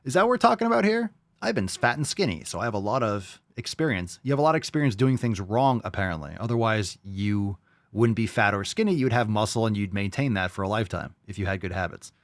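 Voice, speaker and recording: A man's voice: lowish voice, a little fast, dry recording. A man giving off-the-cuff reaction commentary in a smug, sarcastic, mocking way, blunt and sweary. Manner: blunt, profane.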